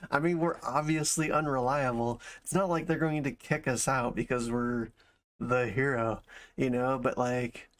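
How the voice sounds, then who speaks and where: A man's voice: medium pitch, fairly even intonation, a little slow. A man chatting casually as a streamer reacting to a video, thinking aloud in broken, rambling phrases. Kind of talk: casual chat, reaction commentary.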